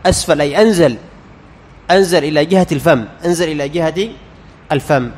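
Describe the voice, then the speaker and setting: Guy teaching recitation, quizzes the room and says the sounds out loud, faint hiss behind. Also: on the high side, quick pace, in a large hall. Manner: quizzes listeners and answers himself, sounding out letters. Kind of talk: lecture.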